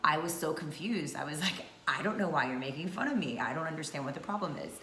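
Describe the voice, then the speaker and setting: A woman's voice: deep voice, lively intonation, fast, bright, forceful tone. A woman in her thirties from North Georgia, chatting casually to camera as a vlogger with many fillers. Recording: echoey room with faint noise.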